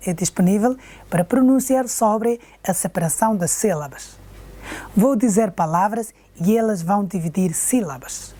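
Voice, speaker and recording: A woman teacher with an Angolan Portuguese accent, giving a slow, deliberate televised lesson. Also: mid-range voice, dark tone, husky.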